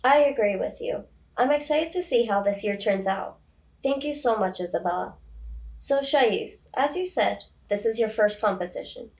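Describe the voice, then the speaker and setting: A woman's voice: on the high side, animated, moderate pace, darkish tone. A teenage girl hosting a student podcast interview, upbeat and reading from a script. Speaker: podcast host.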